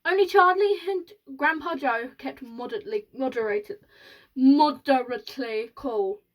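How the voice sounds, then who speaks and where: A woman's voice: high voice, unhurried, rough recording. A woman reading a children's book aloud, with small restarts and slips. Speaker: storyteller.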